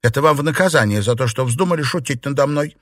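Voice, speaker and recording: A man voicing a bold, teasing young maidservant with a cheeky, shrill manner in a storybook reading. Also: expressive, quick pace, fairly bright tone, no room sound, clean studio sound. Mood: mocking.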